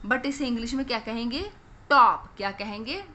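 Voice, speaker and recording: A young woman with a Punjabi accent teaching children phonics, asking questions and repeating each answer slowly. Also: on the high side, expressive, pushed and bright, highs cut off.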